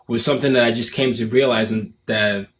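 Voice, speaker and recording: A man's voice: medium pitch, steady tone, a little fast, fairly bright tone, slight background noise. A man in his twenties from Nigeria with an American accent, talking casually to camera in an earnest, reflective way as a summit speaker. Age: 20s. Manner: earnest, reflective, thinks aloud.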